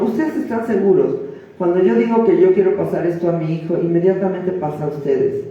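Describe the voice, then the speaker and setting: A woman pastor preaches in a chatty style and keeps tossing rhetorical questions at the congregation. Her voice is mellow and warm. It comes through a dull, distant mic in a very echoey room. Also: low voice. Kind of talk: sermon teaching.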